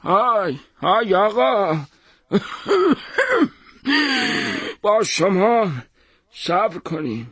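A man voicing a gentle, patient old man in an audiobook, speaking slowly and softly. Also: high-pitched, dry recording, clean studio sound, pitched above the performer's own voice. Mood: calm, puzzled. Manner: slow, soft, calm. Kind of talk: audiobook character voice.

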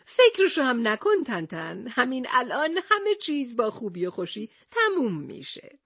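A woman voicing a hot-tempered, blustering male sea captain in a storybook reading, with a husky voice and bossy outbursts. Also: on the high side, sing-song, a bit bright, no room sound, clean studio sound, pitched above the performer's own voice, full character voice. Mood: agitated.

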